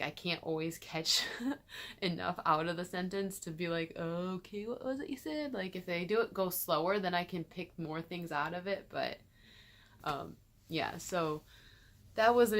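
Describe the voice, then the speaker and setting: Young woman, low-ish voice, casual vlog chat, lots of fillers, small bedroom. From Michigan, USA. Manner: chatty, filler-heavy, frequent "like" and laughs. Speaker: vlogger.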